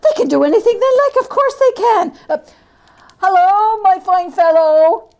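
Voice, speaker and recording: A woman performs a repentant old miser in a dramatic storybook reading, pitching her voice extremely high, well above her own. She's expressive and a little mellow at a normal speed, stammering and exclaiming with overwrought feeling as the character shifts from pleading to overjoyed giddiness.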